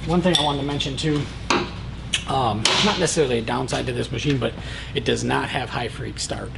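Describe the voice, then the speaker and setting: A man's voice: medium pitch, a little fast, gravelly, very noisy. A man in his thirties casually demonstrating welding equipment in a large warehouse, speaking plainly with lots of "uh" and "um" fillers. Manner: relaxed, plain-spoken, many "uh" and "um" fillers. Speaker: welding supply product reviewer.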